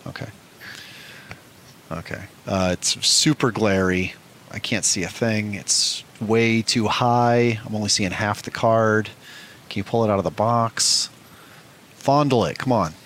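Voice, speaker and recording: A man with a fairly low voice chats as co-host of a collectibles show. His delivery is casual, bantering talk, recorded with faint noise in the background. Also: measured pace, a bit bright. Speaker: co-host of a trading card show.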